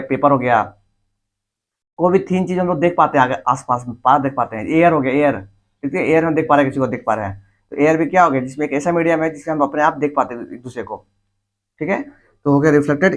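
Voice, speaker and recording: A male teacher giving a class lecture, repeating key words and asking the class questions that he answers himself. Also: a little high. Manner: repetitive, asks questions and answers them himself; informal, addresses students directly.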